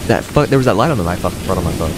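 A man's voice: low-pitched, lively intonation, very fast, background noise. Jittery, swearing man streaming a horror game. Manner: scared, jittery horror-game reactions, repeating phrases; heavily profane, slangy. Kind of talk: horror game let's play commentary.

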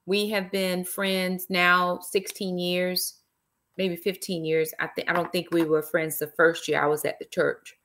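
Her voice is lowish and fairly bright, with little pitch movement and a slightly slow pace. A middle-aged author, she hosts a casual live stream on her laptop webcam, seated in an armchair in a small room and sprinkling in "y'all" and praise.

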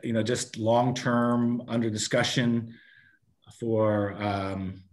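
A man in his sixties, on the parks and recreation committee, gives an informal spoken report to a town council during an online video-call meeting. His mid-range voice is slow and level, and he often breaks off and rephrases as he goes.

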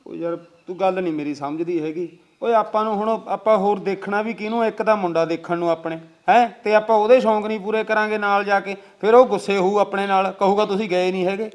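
A man playing a younger husband in a village family who talks loudly and insistently, with a Punjabi village accent. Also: high voice, fairly even intonation, quick pace, few pauses, lightly acted. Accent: Punjabi village speech. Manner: loud, insistent, arguing.

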